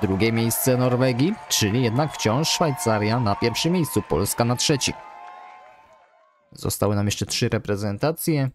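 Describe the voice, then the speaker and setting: A man calls a ski jumping video game like a live sports broadcaster, reeling off distances and point totals. His voice sits at an ordinary middle pitch, and he lifts it sharply when a jump goes well. A faint hiss of noise sits under the voice. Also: measured pace. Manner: excitable, rising loud on big jumps. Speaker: game commentator. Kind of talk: sports-style play-by-play commentary.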